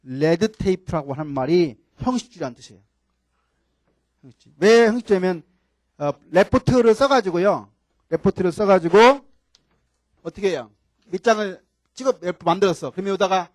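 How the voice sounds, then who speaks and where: An older man with a high voice lectures a class as a professor, keeping it lively with questions to his students and repeated key words. The sound is dry and close, with little room echo. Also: a little fast, pauses often. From Chungcheong, Korea.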